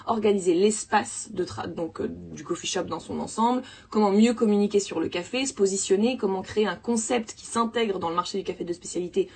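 A woman's voice: mid-range voice, brisk, creaky, hardly any pauses, darkish tone, breathy edge. A woman hosting a casual podcast about coffee. She explains each step plainly, with fillers as she thinks aloud. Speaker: coffee consultant and podcast host.

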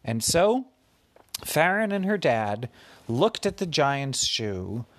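A father telling his child an improvised bedtime story in a gentle, patient way. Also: mid-range voice, very animated, slow, no echo.

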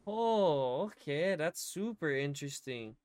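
A male podcast host asking questions in an easygoing, casual way with relaxed slang. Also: a little high, a little slow, clean tone, no room sound, clean studio sound. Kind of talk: casual interview.

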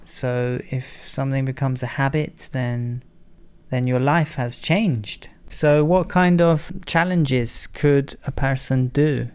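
A man with a clear, resonant, mid-pitched voice hosts a language-learning podcast. He chats and explains mainly in English, with an occasional touch of Spanglish. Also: takes it slowly, darkish tone. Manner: mostly English with the odd Spanish word, Spanglish. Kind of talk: educational podcast chat.

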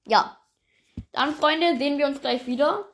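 A woman's voice: sits high, unhurried, a bit bright. Rambling, chatty woman narrator. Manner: rambling, full of fillers, addresses listeners as friends. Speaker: creator and narrator of a homemade audio episode. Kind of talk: casual chatty narration to viewers.

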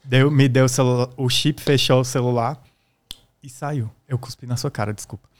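A man's voice: medium pitch, fairly even intonation, normal speed. A man, a guest musician, telling a personal story in a casual way and acting out the voices of the people in it. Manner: acts out the voices in his stories.

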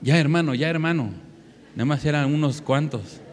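A man in his thirties preaching a sermon with a fairly high voice. He keeps turning to his listeners as brothers. His words ring out with a long reverb in a church hall. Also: normal speed, slight background noise. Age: 30s. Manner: preaching to the congregation, calling them "hermano" again and again. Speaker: pastor.

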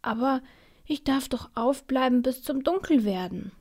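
A woman's voice: sits high, expressive, a little slow, darkish tone, voice pushed up. A woman voicing an eager, curious little boy in a bedtime storybook.

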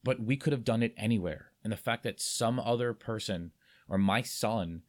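A man in his thirties hosting a casual podcast chat, talking in halting bursts full of restarts and fillers. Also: lowish voice. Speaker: podcast host.

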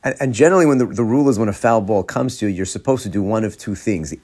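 A man from Atlanta, a rabbi telling a story in a sermon, acting out the people in it with quick laughs. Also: fairly low pitch. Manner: animated storyteller, acts out quoted voices with laughs.

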